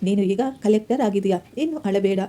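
A loyal young male friend in a storybook, gentle and reassuring, as a woman narrator reads his lines. The voice stays deep and mellow. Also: fairly quick, lightly acted. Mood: comforting. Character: kind young man, loyal comforting friend.

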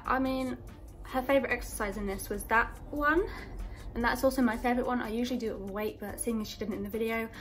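A young adult woman vlogging casually to camera from her bedroom, chatty and full of little asides. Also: fairly high pitch. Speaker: fitness vlogger. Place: cluttered bedroom.

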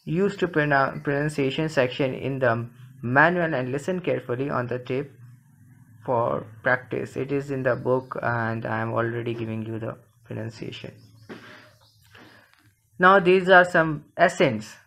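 Slow, deliberate male language teacher. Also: medium pitch, creaky, a bit bright. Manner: slow and deliberate, repeats phrases for learners. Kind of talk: classroom lesson, reading a textbook dialogue aloud.

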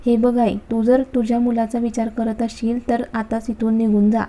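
A woman voicing an outspoken, sharp-tongued young sister who speaks bluntly. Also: a little high, completely flat delivery, moderate pace, lightly acted. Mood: angry. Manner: blunt, scolding.

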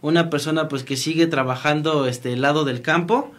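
A man in his thirties from Xochimilco with a Mexico City accent, guest on a studio talk show, relaxed and filling his talk with "o sea" and "pues". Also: fairly high pitch, moderate pace. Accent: Mexico City Spanish. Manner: relaxed, laughs easily, many fillers "o sea, pues, este". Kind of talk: casual interview talk. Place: small bright TV studio.

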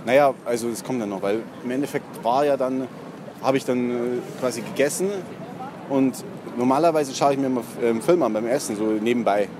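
A young man works as a street prankster, spinning an aimless, long-winded story. He pads it with fillers and refuses to be cut off. His mid-pitched voice sits in clear outdoor street noise. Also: fairly quick. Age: young adult. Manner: long-winded, filler-laden, keeps going over interruptions. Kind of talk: rambling, deliberately pointless storytelling to passersby. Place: outdoors on a busy city street. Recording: noisy busy street, traffic ambience.

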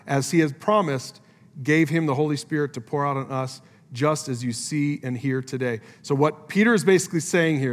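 A man preaching a sermon as pastor, earnest, climbing high for emphasis and dropping low and soft. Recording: live church sermon with long hall reverb and faint music.

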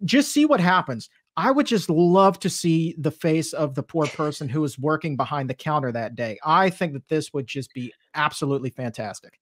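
A man's voice: a little high, moderate pace, dry recording. Thirties male host, playful and chatty, dry close studio mic. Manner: joking, playful, rambling. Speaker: podcast host. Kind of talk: podcast interview. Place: studio with a podcast backdrop. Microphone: studio microphone on an arm.

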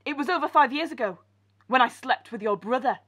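A sharp-tongued, fed-up wife in a comedy sketch, voiced by a woman. Her voice is high and bright, husky at the edges, and swings widely in pitch. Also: animated, fairly quick, exaggerated voice. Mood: exasperated. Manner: exasperated and scolding.

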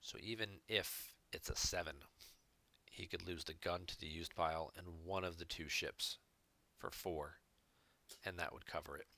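Deep-voiced man analyzing card game plays. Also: steady tone, moderate pace, sharp tone. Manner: analytical, explains plays step by step. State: hiccups. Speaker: game reviewer. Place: home room.

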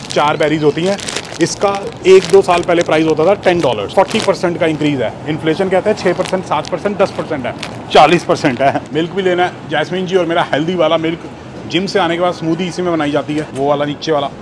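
A man in his thirties, a vlogger, talks casually to camera while shopping in a big supermarket and reads prices aloud, filming on a handheld phone held at arm's length. His voice is a little high and his pace quick, with background noise audible.

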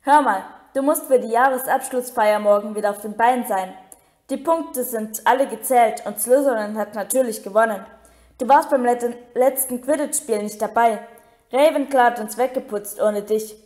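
A woman's voice: a little high, normal speed, darkish tone, natural voice. A woman reading aloud as a proud, chatty boy schoolfriend.

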